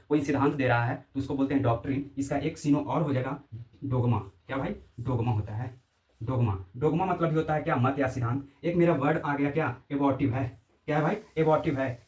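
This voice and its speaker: A man's voice: mid-range voice, a little mellow, roomy sound, recorded from a distance. A man teaching exam vocabulary, repeating each word, spelling it out letter by letter and quizzing his listeners with questions. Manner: repetitive call-and-response drilling, spells words letter by letter.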